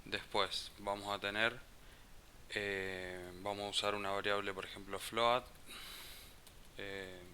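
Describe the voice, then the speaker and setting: Under a faint hiss, a low-voiced man explains code live to a class, his tone level but very bright and forceful. He goes slowly, halting and restarting phrases as he reasons out loud.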